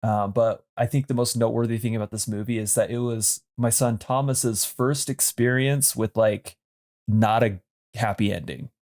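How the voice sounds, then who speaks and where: Male co-host, 30s, mid-range voice, measured and hesitant delivery. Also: mid-range voice, fairly even intonation, darkish tone. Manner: thoughtful, hesitant, many fillers. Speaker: podcast co-host. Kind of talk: casual chat.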